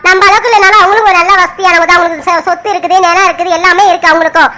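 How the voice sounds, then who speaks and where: A woman's voice: very high-pitched, steady tone, bright, forceful tone. A woman voicing a young unmarried village daughter in a cartoon serial, who answers her father defensively and stands up for the man she loves. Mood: explaining. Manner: pleading, defensive, quick replies.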